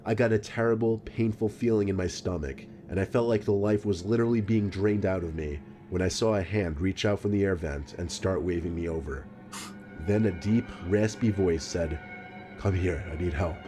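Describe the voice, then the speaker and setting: A man reading a scripted story in a calm, measured narration. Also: low voice, soft background music.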